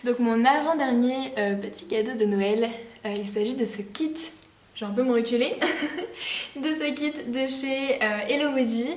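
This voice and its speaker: A woman's voice: a little high, moderate pace, darkish tone, reverberant, distant mic. A teenage girl chatting in a casual gift-haul vlog, bubbly and rambling, with lots of fillers and restarts. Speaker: vlogger.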